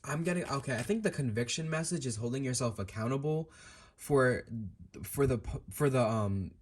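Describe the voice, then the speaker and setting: A slightly rough, medium-pitched male voice at a moderate pace belongs to a tarot card reader. He improvises a fortune teller's reading aimed right at the listener, musing and coming back to echo and rephrase his lines.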